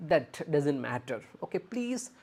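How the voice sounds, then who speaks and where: A woman teaches a live online English lesson in a Kerala accent, her first language being Malayalam. Her voice sits low, and she talks with frequent fillers. She repeats sample phrases slowly and keeps asking her students to comment. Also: very animated, a little mellow, breathy edge. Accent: Indian English, Kerala. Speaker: OET speaking tutor.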